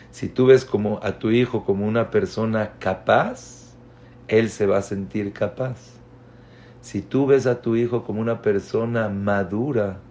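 A man giving a religious talk on parenting, speaking deliberately and putting questions to his listeners. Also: lowish voice, a little mellow, a little hiss or hum. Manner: slow, deliberate, addresses the audience with questions. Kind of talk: religious community lecture.

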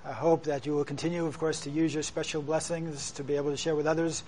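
Higher-pitched man hosting, earnest and exhortatory. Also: little pitch movement, fast, darkish tone, a little hiss or hum. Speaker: show host, rabbi. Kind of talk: interviewing and addressing viewers.

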